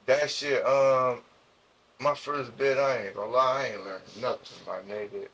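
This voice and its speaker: Young Jersey City man, street slang, halting delivery, interview guest. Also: medium pitch, steady tone, fairly bright tone, low-quality recording. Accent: New Jersey. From Jersey City, USA. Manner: slangy, halting with many restarts and fillers. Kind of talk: casual storytelling interview.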